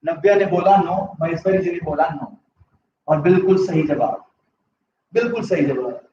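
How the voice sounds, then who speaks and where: This man's voice sits on the high side with a dark tone, moving at normal speed over slight background noise. Nursing a sore throat, he lectures an online economics class live, mixes in English terms and asks his students yes-or-no questions. The audio comes across echoey, distant and a bit dull.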